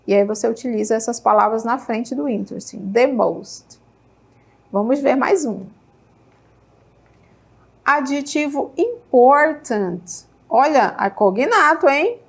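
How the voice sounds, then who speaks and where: A middle-aged woman from Brazil with a Brazilian Portuguese accent, teaching an English lesson. She is lively and encouraging, checks in with students often, and says English words slowly and clearly. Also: on the high side. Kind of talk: televised classroom lesson.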